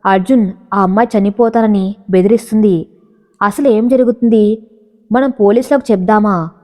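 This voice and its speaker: A woman's voice: medium pitch, normal speed, a little mellow, lightly acted. A woman voicing an anxious but brave young bride in a spoken story, worried and insistent. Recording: reverberant, slightly dull audio.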